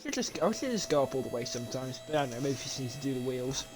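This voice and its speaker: Over music, a young Briton talks very fast in a sing-song, medium-pitched voice as he plays a car repair game live. He's drowsy and yawning, chatting to himself in a loose, rambling way with lots of restarts and laughter, recorded on a desk mic with webcam.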